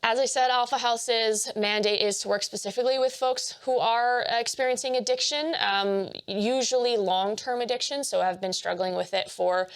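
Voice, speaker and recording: A young woman giving a training presentation, talking fast with many fillers and restarts. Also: fairly high pitch, fairly even intonation, clear, resonant tone.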